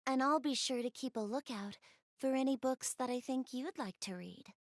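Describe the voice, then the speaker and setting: High-voiced, shy bookish girl Blanc. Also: normal speed, no room sound, studio quality. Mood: eager, polite. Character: gentle, bookish, shy young girl, a devoted older sister. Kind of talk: video game cutscene dialogue, addressing the listener.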